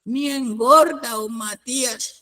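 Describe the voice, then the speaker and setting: A whining, high-pitched mother who frets over her son and pleads over and over, as a preacher puts her on in a falsetto. Her voice sits far above a man's and keeps climbing as she wails. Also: takes it slowly, pushed and bright, full character voice. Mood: whiny pleading. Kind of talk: mocking impersonation in a sermon.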